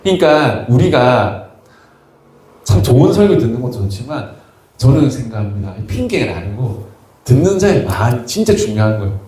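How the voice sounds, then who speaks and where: Pastor guy preaching, jokey stories, mellow voice, big church echo. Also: medium pitch, sing-song, moderate pace. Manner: humorous anecdotal storytelling, teasing the congregation. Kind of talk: sermon. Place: church sanctuary. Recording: echoey church hall.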